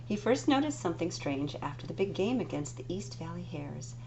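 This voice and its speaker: Lady librarian at story time, low gravelly voice, swoops up and down, whispers the creepy bits. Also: very animated, a little fast, mellow. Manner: dramatic, dropping to whispers for spooky parts. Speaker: children's librarian. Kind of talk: reading a picture book aloud. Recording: dull lo-fi recording with noise.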